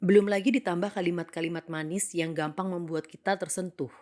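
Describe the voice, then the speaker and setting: A young woman with a somewhat low voice narrates a reflective monologue. She speaks earnestly and thoughtfully, weighing each point. English phrases come up now and then in her narration. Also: steady tone, fairly quick, a little mellow.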